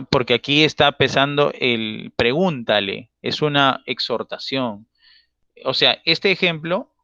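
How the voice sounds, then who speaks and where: Bright-voiced male teacher. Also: medium pitch, clean tone, no echo, muffled recording. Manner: explains patiently, checks often with tag questions. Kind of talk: online grammar class.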